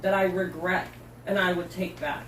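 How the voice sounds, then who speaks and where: High-pitched man in an echoey room. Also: fairly even intonation, normal speed, a bit bright. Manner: blunt, emphatic. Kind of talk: casual opinionated discussion. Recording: echoey room, distant mic, faint noise.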